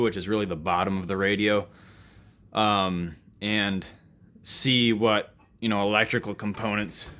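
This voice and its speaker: On the low side and fairly bright, this man's voice carries casual, off-the-cuff commentary as he works hands-on. He's the host of an electronics repair vlog, rambling and self-deprecating in his basement workspace.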